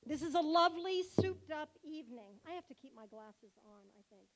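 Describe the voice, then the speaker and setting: A woman, the synagogue president, giving a joking, warm-hearted speech at a banquet held in a car museum hall. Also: high voice, expressive, fairly quick. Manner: playful, joking speaker.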